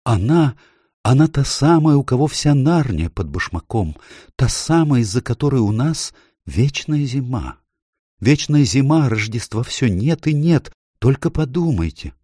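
A man voicing a gentle, sorrowful male faun who sobs out his guilt in a storybook reading. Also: medium pitch, very animated, a little slow, no echo, studio quality, voice pushed up. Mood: sobbing. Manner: sobbing, mournful.

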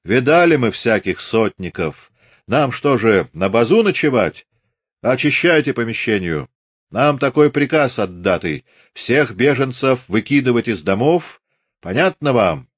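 A man's voice: mid-range voice, big pitch swings, unhurried, no room sound, voice pushed up. A man voicing a scornful, insolent Cossack soldier who sneers in rustic dialect, in an audiobook.

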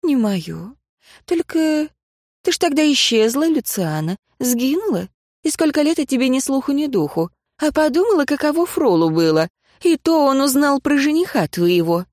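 A woman's voice: high voice, very animated, moderate pace, a little mellow, dry recording, studio quality, pitched above the performer's own voice. A woman voicing a shrewd, homely older village woman who talks in folksy, plain speech. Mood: chiding.

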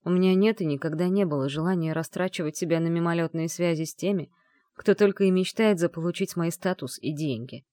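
A woman voicing a calm, persuasive young man. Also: on the low side, fairly quick, dry recording, clean studio sound, lightly acted. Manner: quiet, soothing, insistent. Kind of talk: audiobook character reading.

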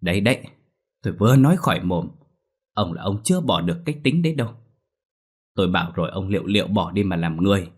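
A man doing a nagging older wife in a told ghost story, scolding her husband in a rapid, lecturing tone. The voice stays low and husky. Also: animated. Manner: quick, scolding.

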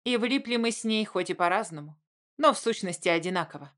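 This is scripted audiobook narration by a woman of medium pitch. She reads the novel in a calm, measured way, like telling a story.

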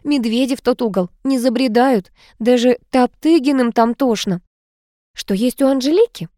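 A chattering, theatrical society aunt, as a female reader puts her on, with a raised, lively voice. She gushes and dramatizes every sentence, recorded close and dry. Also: on the high side, normal speed, dry recording, voice pushed up, natural voice. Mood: gushing. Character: theatrical much-married society aunt, flamboyant and gushing.

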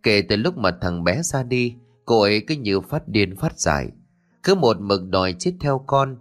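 A young husband and father speaks quietly through his grief, as a narrator voices him. His voice is low, with wide rises and falls in its sorrow. A faint music bed sits behind him in this storybook telling. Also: animated, normal speed, lightly acted. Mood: sorrowful. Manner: subdued, sorrowful.

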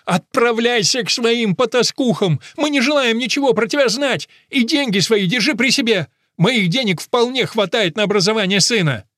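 A man voicing a distraught middle-aged mother who is bitter and furious, hurling shrill shouted outbursts. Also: animated, moderate pace, hardly any pauses, no room sound, clean studio sound.

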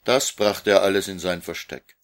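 A man reads a children's storybook aloud in a low voice. His pace is measured and his narration is plain. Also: vocal fry. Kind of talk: storybook reading.

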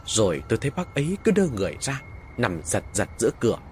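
Man narrating a horror story with lively pitch. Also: fast talker, slight background noise. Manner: dramatic storytelling.

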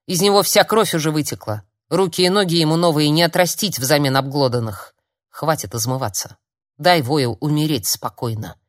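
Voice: medium pitch, moderate pace, no room sound, clean studio sound, natural voice. A narrator voicing a stern, angry male mentor who speaks harshly with a raised voice in an audiobook. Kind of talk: audiobook character voice.

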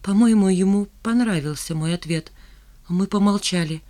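A woman's voice: medium pitch, moderate pace, mellow. Woman narrating a story expressively. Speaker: audiobook reader. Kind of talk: first-person audiobook narration.

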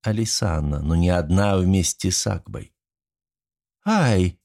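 A man narrating a first-person novel in a measured, even way. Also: sits low. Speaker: audiobook narrator.

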